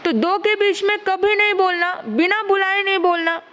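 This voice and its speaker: A woman nun preacher giving a sermon, deliberate and repeating phrases for emphasis. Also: very high-pitched, little pitch movement, fairly bright tone.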